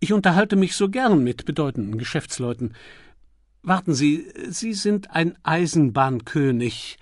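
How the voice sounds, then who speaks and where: A woman's voice: sits low, lively intonation, unhurried, dry recording, clean studio sound, voice pushed up. A man voicing a gracious, shrewd older duchess who gushes sweetly and persuasively. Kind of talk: audiobook character voice.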